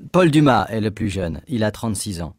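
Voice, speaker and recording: A man reading a scripted textbook dialogue as a hiring manager, clear and measured. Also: on the low side, very animated, darkish tone, no room sound, clean studio sound.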